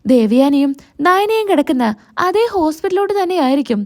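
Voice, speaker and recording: A woman's voice: sits high, very animated, brisk. A woman casually retelling a TV serial's episode, voicing the characters' lines as she goes. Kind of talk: casual storytelling narration.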